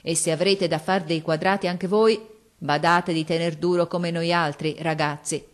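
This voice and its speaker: A woman voicing a hearty, boisterous middle-aged working-class father who talks loudly and jovially, like someone raising a toast. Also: on the low side, fairly even intonation, moderate pace, natural voice. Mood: exultant.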